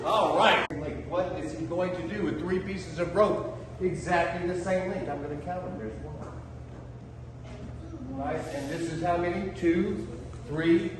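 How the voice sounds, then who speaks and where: A man's voice: sits high, fairly even intonation, unhurried. A man working as a children's party magician, giving playful live show patter with mock surprise and coaxing the audience to join in. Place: large reverberant indoor hall. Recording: echoey noisy hall, distant mic.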